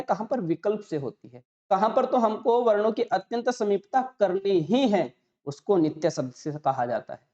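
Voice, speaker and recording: A woman teaching Sanskrit grammar in an explanatory lesson. She breaks words into single sounds and repeats examples slowly. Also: on the low side, warm tone. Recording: slightly dull, muffled recording.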